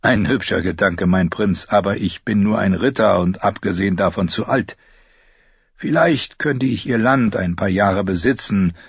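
Brief: a man doing a gentle fatherly old knight, low, husky, dry and lo-fi. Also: normal speed, no room sound.

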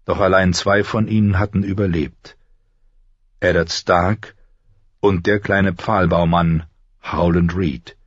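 Deep husky male audiobook narrator. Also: no room sound, muffled recording. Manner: measured, expressive storytelling. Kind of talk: scripted narration.

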